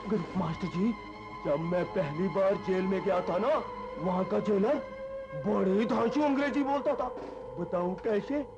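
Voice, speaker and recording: A man's voice: high-pitched, normal speed, muffled recording. An actor playing a manic, giggling male bandit chief who taunts and repeats words in a singsong, in 1970s film acting. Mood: mocking. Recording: old film soundtrack under loud music.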